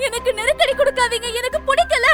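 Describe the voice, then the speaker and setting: A distraught young bride, crying and desperate as she refuses her marriage. Her voice is very high. Background score music plays beneath. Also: fast talker. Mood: tearful. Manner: desperate, pleading. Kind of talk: TV serial acting.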